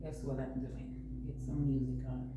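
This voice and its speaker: In an echoey room at home, a woman casually vlogs a home decor haul, rambling and talking to herself while busy. Her bass voice shows little pitch movement, and she speaks at normal speed. The audio is noisy and very echoey from a distant mic.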